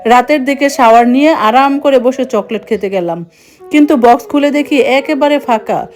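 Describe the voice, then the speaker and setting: A woman telling a suspenseful first-person story in an even, hushed narrating voice. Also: high-pitched, normal speed, faint music behind.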